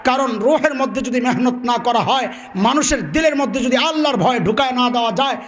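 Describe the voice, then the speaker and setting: High-voiced preacher, animated. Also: male voice, brisk, slight background noise. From Bangladesh. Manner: animated call-and-response, quizzing the crowd; acts out characters in dialogue. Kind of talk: sermon.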